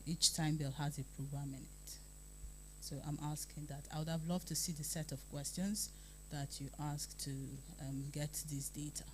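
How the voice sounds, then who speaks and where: A woman who is feeling a bit sick, speaking slowly and carefully as she puts a question at a talk. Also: low voice, fairly even intonation, slight background noise, low-quality recording. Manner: slow, measured. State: unwell, under the weather. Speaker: television show owner, audience questioner.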